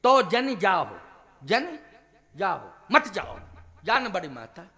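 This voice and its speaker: Affectionate royal mother pleading with her son, done by a man, high bright voice, slow and fond. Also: sing-song, long reverb tail, heavily acted. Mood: tender. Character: loving elderly queen mother, tender. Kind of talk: devotional storytelling.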